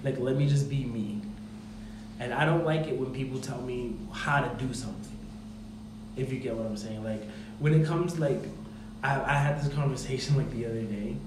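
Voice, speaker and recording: A man's voice rings with big echo in a reverberant room, over clear background noise. He hosts a podcast in a loose, conversational way, explaining things in a rambling, informal style. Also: mid-range voice, moderate pace. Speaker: podcast host. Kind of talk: casual podcast chat.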